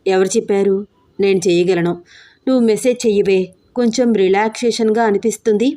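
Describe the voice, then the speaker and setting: Young husband figure, playful, bossy banter, warm mellow tone, woman reader, audio story. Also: mid-range voice, steady tone, a little fast, close to an everyday voice. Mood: teasing.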